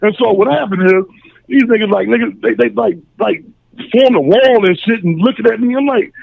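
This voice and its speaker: A man calling in by phone to tell a story in casual chat, lively and acting out the voices of the people in it. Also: high voice, brisk, vocal fry, no room sound. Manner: animated, acts out voices in his stories. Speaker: phone-in guest. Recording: tinny phone line.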